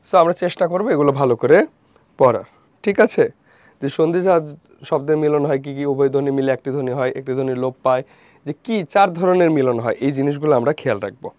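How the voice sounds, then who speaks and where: A man's voice: on the high side, a little mellow, dry recording. Young man teaching a live online class. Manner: repeats questions and answers them himself, quick asides. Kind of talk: live revision lesson. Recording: dull dry lo-fi stream audio.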